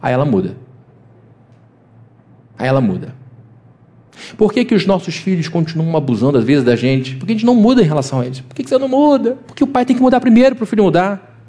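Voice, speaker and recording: A man preaching from the pulpit in a conversational sermon. His voice sits a little high for a man but sounds soft and mellow. He keeps breaking into quick acted-out voices that leap up in pitch. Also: very animated. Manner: conversational preaching, acting out quoted voices with big pitch jumps. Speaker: pastor.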